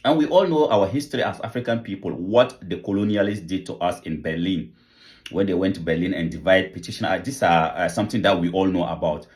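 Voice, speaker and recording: Here a low-pitched, darkish male voice moves at a brisk clip. The speaker hosts an online channel and keeps throwing rhetorical questions at his audience as he earnestly appeals to them in vlog commentary.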